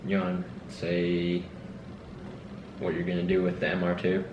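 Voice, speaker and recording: A twenty-year-old man with a deep, flat voice gives short, easygoing answers and sometimes halts mid-thought. His voice bounces around an echoey room, the sound is a bit dull, and noise runs clearly underneath. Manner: brief, easygoing, halting replies. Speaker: co-host. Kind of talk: casual chat.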